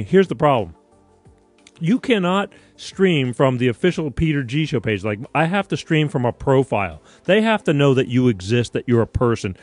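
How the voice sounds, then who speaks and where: This Connecticut man's mid-range voice is a little mellow and recorded with no room sound as he hosts his live-streamed talk show. His delivery wanders and digresses, full of frequent restarts and casual profanity.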